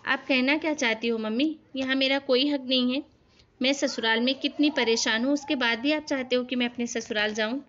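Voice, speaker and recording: A woman's voice: high voice, fairly even intonation, a little fast, dull audio, slight background noise. A woman doing a bossy, hot-tempered cartoon daughter. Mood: upset. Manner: snapping, bossy, shouting. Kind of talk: animated cartoon voice acting.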